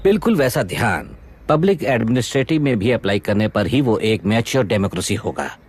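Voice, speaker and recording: A man's voice: on the low side, animated, fairly quick, darkish tone, slightly rough. An actor dubbing a stern, authoritative senior male cabinet secretary in a Hindi film. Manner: lecturing, authoritative.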